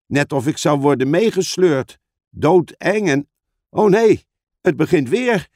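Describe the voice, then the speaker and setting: A man's voice: fairly high pitch, expressive, measured pace, dry recording, studio quality. A man voicing a nervous, urgent schoolboy in an audiobook. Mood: alarmed. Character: nervous schoolboy, younger brother. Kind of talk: audiobook reading.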